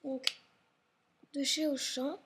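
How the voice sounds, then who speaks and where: High-pitched girl rambling about her stuff at home, keeps saying sorry, kinda stuffy. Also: level tone, slow, a bit bright. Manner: chatty and rambling, often apologizing. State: slightly ill, maybe stuffy nose. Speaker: vlogger. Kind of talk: casual chat showing school supplies. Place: at home, indoors.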